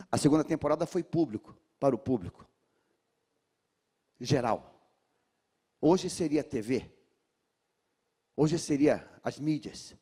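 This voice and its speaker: Brazilian pastor preaching slow in a big church, rio accent, husky voice, goes from hushed to shouting. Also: male voice, medium pitch. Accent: Rio de Janeiro Brazilian Portuguese. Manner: calls on the congregation to repeat and underline, swings from hushed to shouted. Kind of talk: sermon. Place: large church.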